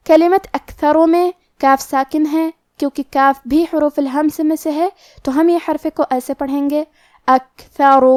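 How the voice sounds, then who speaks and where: A woman with a high, clear voice teaches the rules of Quran recitation in a calm, step-by-step way. She explains each rule plainly and then recites the words slowly. The sound is dry and close, with no room echo. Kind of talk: tajweed lesson with slow recitation.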